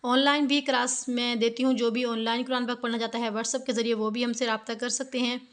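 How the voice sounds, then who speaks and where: High-voiced woman teaching Quran recitation. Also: little pitch movement. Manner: explains rules, then recites words very slowly and drawn out. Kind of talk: tajweed lesson with slow demonstrative recitation.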